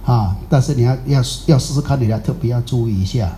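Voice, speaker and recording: A mellow, middle-aged man gives a dharma talk as a Buddhist master. He tells stories in a lively way, acting out other people's voices and chuckling as he goes. His pitch sits in an ordinary male range, and a faint hum of room noise runs behind him. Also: fast talker. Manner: animated, acts out voices, chuckles, slips in English phrases.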